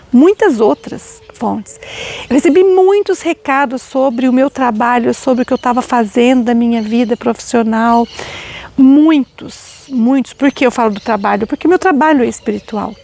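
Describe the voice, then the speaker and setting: A middle-aged woman speaks as a spiritual teacher, addressing her listeners directly with heartfelt emotion. Her voice sits a little high, yet it has a dark, mellow color. A gravelly, breathy texture runs through her telling. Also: normal speed. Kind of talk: personal storytelling to an audience.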